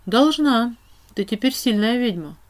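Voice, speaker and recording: A woman voicing a brisk, teasing witch whose voice turns strict and cold. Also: medium pitch, lightly acted. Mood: stern.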